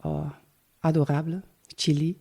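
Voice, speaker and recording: A woman's voice: deep voice, level tone, measured pace, vocal fry, warm tone, breathy edge. A middle-aged Dutch woman speaking French with a Dutch accent as a guest, hesitant and searching for words with many fillers. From Netherlands. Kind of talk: casual interview chat.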